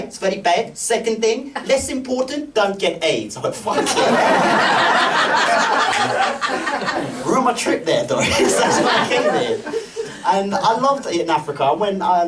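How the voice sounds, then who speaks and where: A man's voice: medium pitch, a little hiss or hum. A man, hosting a live comedy night, brash and teasing the crowd with lots of swearing. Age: 20s. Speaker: MC and stand-up comedian. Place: live venue with an audience. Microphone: stage mic held in hand. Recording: distant mic, loud audience laughter. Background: audience laughing and clapping.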